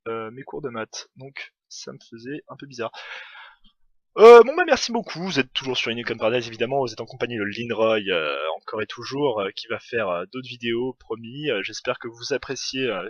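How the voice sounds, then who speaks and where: A man casually commenting on his own gameplay with a bright, forward tone. He rambles, hesitates and corrects himself often, like someone thinking aloud while playing. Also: medium pitch, no echo, muffled recording. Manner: rambling, full of fillers and self-corrections. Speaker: gaming video host.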